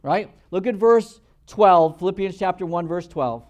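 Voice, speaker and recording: A man preaching a sermon as pastor, acting out quotes and swinging between quiet storytelling and loud bursts, often repeating words as he restarts. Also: high voice, lively intonation, a little slow.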